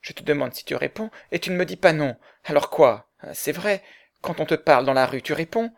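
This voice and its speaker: A man's voice: fairly high pitch, expressive, fairly quick, creaky. A man playing a fretful jealous young lover. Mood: anxious. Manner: fretful, pleading. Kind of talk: dramatized audiobook reading.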